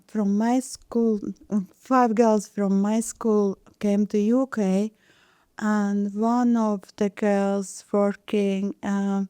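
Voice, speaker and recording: A woman with a Latvian accent answering interview questions in slow, careful English. She speaks softly, and her voice is mellow and warm. It is recorded close and dry, with no room sound. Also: mid-range voice, smooth, no room sound. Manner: soft-spoken, careful non-native English. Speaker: guest, fashion designer.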